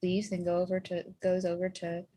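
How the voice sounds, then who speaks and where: A woman in her thirties, a communications director appearing as a podcast guest, chats casually and peppers her speech with "like" and "you know." Her voice is on the low side, dark, monotone and brisk. There's no room sound.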